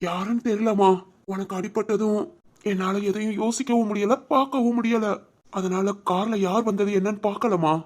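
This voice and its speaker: A woman's voice: medium pitch, fairly even intonation, moderate pace, natural voice. A woman voicing a loving, anxious young husband and father in a cartoon family drama, talking in an emotional, protective way. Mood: reassuring.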